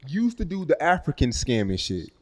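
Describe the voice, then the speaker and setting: A man's voice: fairly high pitch, huge pitch swings, moderate pace, heavy background noise. A young adult man interviewing casually, asking probing questions with many fillers.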